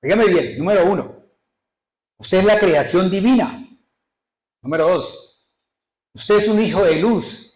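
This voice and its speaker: A man's voice: sits high, a little slow, pauses often, a little mellow, roomy sound, low-quality recording. A male pastor preaching a sermon emphatically, often putting rhetorical questions to his congregation. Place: church.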